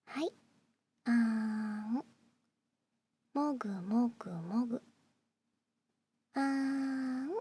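A young woman does an ASMR roleplay as a doting young woman pampering the listener. Her high-pitched voice stays in soft, breathy whispers close to the microphone.

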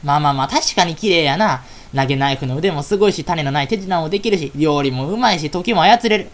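A woman voicing a knowing, gossipy fairy girl who talks in a hushed, roundabout way with a Kansai accent. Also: low-pitched, expressive, fast talker, voice pushed down. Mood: sly.

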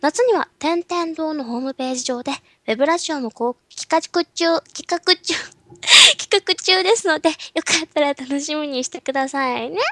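A woman's voice: sits high, a little fast, hardly any pauses. A woman, a voice actress, hosting a casual solo cast talk, playful and chatty with frequent giggles.

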